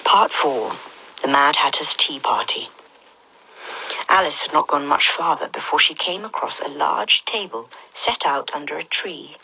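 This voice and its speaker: A woman reads a children's storybook in a soft, half-whispered and gentle voice. Her voice sits low but sounds bright and very breathy. It fits a calm story read aloud. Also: measured pace, rough recording.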